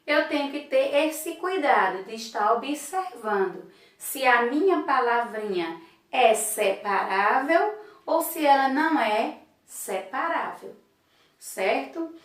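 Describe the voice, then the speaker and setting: Slow, patient woman teacher. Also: sits high, animated, recorded from a distance. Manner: slow, patient, sounds out syllables one by one. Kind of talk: explaining a grammar lesson. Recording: echoey room, voice off-mic.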